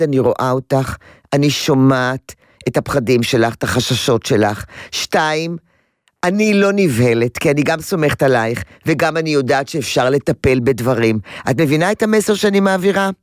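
A man advising a caller on a radio program, animated, acting out quotes and repeating words for emphasis. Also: a little high, no echo, clean studio sound. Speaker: parenting advisor on a radio call-in. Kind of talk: advice to a caller.

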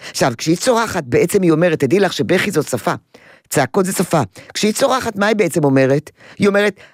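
An older woman speaks into a studio microphone, the sound dry and close. She hosts a call-in advice show as a child therapist. She explains things in a lively way and often slips into the voices of the children she describes. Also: medium pitch, no room sound. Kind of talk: call-in radio advice talk. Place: radio studio.

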